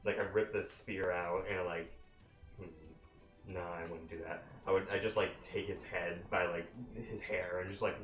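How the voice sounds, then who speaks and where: A man's voice: low-pitched, fairly even intonation, moderate pace, a bit bright. A man playing a tabletop game, casually improvising what his character does. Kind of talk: casual improvised play description. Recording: roomy, distant mic, music behind.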